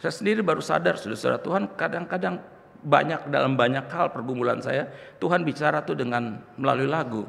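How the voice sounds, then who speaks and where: Male pastor, heartfelt storytelling sermon, gravelly edge, long church-hall reverb. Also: on the high side, fast talker, fairly bright tone. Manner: emotional storytelling, addresses congregation as brothers and sisters.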